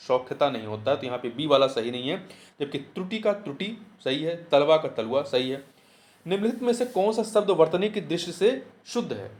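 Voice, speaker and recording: Man explaining exam answers. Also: on the high side. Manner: repeats answers, asks and answers his own questions. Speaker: Hindi exam teacher. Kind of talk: test answer explanation lesson.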